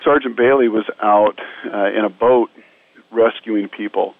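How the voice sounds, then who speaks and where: Man on a phone line, lowish voice, dry, earnest relief worker telling a story. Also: steady tone, measured pace, no echo. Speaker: disaster relief medical team member. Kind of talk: storytelling in a radio interview. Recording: narrow phone-line sound.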